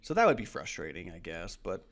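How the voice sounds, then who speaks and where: Man, podcast co-host, casual and rambling, lively intonation. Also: sits low, a little fast. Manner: rambling, laughs often. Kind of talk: casual chat.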